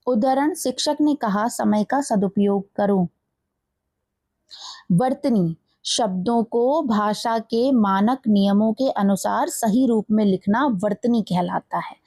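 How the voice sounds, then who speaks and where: A woman teacher giving an exam-prep grammar lesson, reading words out slowly and carefully and repeating each one. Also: mid-range voice, dark tone, no room sound. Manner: slow, careful word-by-word dictation, repeating each word.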